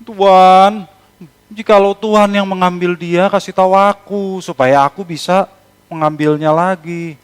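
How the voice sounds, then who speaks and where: Grieving woman disciple, earnest and pleading, read by a man slightly raised in pitch, long hall reverb. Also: fairly even intonation, unhurried, smooth.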